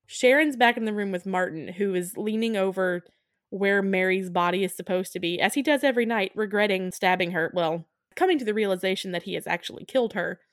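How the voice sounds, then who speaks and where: A woman around thirty co-hosting a podcast, retelling a film in an animated, giggly way and acting out the quotes. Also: mid-range voice, fairly quick, no room sound, clean studio sound. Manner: animated, giggly storyteller who acts out quotes. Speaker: podcast co-host. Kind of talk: casual chat.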